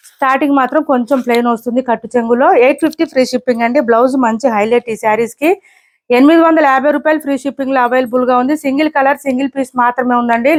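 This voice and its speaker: A woman presenting sarees for sale online, describing each one and repeating prices and ordering details. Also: sits high. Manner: brisk, repetitive price callouts. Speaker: saree seller. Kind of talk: online sales showcase.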